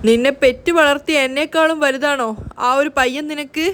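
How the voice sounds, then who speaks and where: A woman voicing a grieving middle-aged mother who scolds and pleads through her distress, speaking slowly. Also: high-pitched, steady tone, fairly bright tone. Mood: anguished. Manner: slow, anguished scolding.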